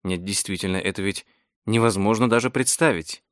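A man's voice: on the low side, brisk, no room sound, clean studio sound, close to an everyday voice. A man voicing a nervous young woman thinking anxiously to herself, in a storybook reading.

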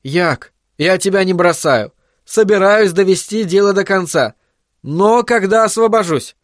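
A man's voice: high voice, measured pace, no room sound, clean studio sound, voice pushed up. A man voicing an agitated, stubborn middle-aged male scientist who talks in emphatic, heated bursts. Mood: urging. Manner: heated, emphatic, pleading at times.

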